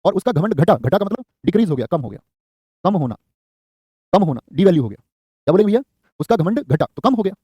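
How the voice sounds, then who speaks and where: This male teacher's voice sits high, swings widely in pitch, and is warm with a breathy edge, recorded dry at studio quality. In his live online exam-prep class he dictates key phrases quickly and repeatedly, answering students by name.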